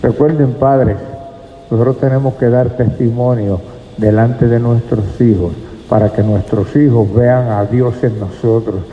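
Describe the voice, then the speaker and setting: A man's voice: mid-range voice, steady tone, unhurried, faint music behind. A man preaching a sermon in a church, emphatic and speaking to the congregation as brothers. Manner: emphatic, addresses listeners as brothers. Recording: echoey hall, dull lo-fi sound.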